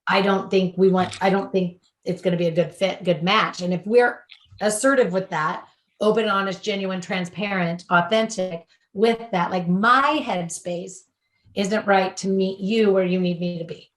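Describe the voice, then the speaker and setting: A woman's voice: medium pitch, steady tone, normal speed, echoey room. A woman hosting a recovery talk, earnestly coaching and running through lists of feelings. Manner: earnest, repetitive lists of feelings, acts out sample dialogue. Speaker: host.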